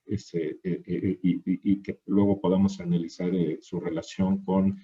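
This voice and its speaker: A man hosts an online industry panel over a video call, pausing often with fillers. His voice sits low and very dark with a husky edge. The call audio is dull and lo-fi. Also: little pitch movement. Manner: hesitant, many fillers. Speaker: webinar moderator. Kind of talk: hosting an online industry webinar.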